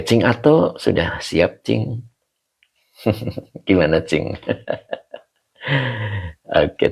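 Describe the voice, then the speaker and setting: Gravelly deep-voiced man teaching casually. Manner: chatty, greets students by name, laughs often. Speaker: religious teacher. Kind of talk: casual online class.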